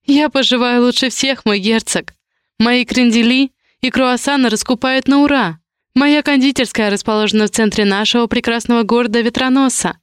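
Effusive pastry shop owner as a woman reads her, audiobook character, higher bubbly voice, smooth clear tone, dry close sound. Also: fairly even intonation, dry recording, close to an everyday voice. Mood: gushing. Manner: bubbly, exclaiming, drawn-out gushing.

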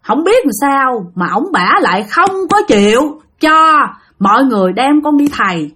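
Brief: grieving mother, soft lament, somewhat high voice; a woman narrator puts her on. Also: sing-song, normal speed, heavily acted. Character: grieving middle-aged mother, pleading softly.

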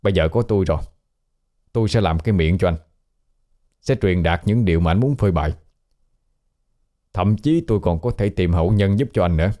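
A man's voice: low-pitched, brisk, pauses often, warm tone, close to an everyday voice. A man voicing a polite, inquisitive young man questioning a ghost.

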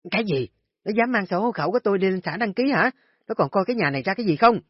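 A man's voice: high-pitched, animated, rapid-fire, breathy edge, no echo, pitched above the performer's own voice. A man voicing a hysterical, stubborn older mother who shrieks and wails. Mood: furious. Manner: shrieking, screaming complaints. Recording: dry, dull lo-fi recording.

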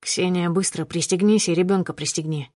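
A woman's voice: lowish voice, fairly even intonation, a little fast, dark tone, dry recording, studio quality, voice pushed down, lightly acted. A woman reading the part of a stern, suspicious man who questions her coldly in clipped lines. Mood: alarmed. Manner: cold, accusing, clipped questions. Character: stern, suspicious adult man driving a car. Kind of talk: audiobook character reading.

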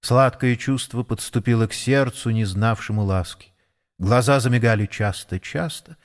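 A man narrating a children's story in an expressive, unhurried reading. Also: mid-range voice.

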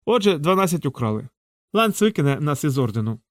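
A man's voice: on the high side, very animated, a little fast, dry recording, studio quality. A man voicing a teenage boy who explains with feigned solemn grief. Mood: mournful. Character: teenage boy con artist, earnest and mournful.

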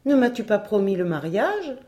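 A woman reading aloud voices an old spirit woman from a folk tale, coming for a young shepherd as her promised groom. She speaks in an insistent, coaxing storybook voice with a mellow, warm timbre. She is a witch who will not take no for an answer. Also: mid-range voice, sing-song, normal speed, natural voice.

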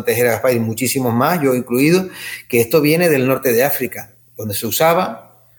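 Canarian man explaining at length. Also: mid-range voice. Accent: Canarian Spanish. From Tenerife, Canary Islands. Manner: discursive, frequent tag questions. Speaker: ethnomusicologist guest. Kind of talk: explanatory interview answers.

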